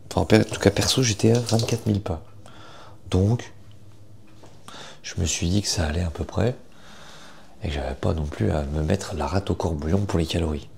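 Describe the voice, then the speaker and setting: A young man chatting casually in a morning vlog, informal and self-deprecating, with a gravelly morning voice full of vocal fry. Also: low voice, warm tone, a little hiss or hum. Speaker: vlogger.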